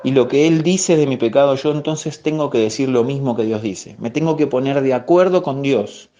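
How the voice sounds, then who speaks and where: A man with a Rioplatense Spanish accent teaching a Bible class, explaining slowly, repeating key words and pausing on fillers. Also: mid-range voice, warm tone. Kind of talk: recorded theology class. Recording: muffled lo-fi audio.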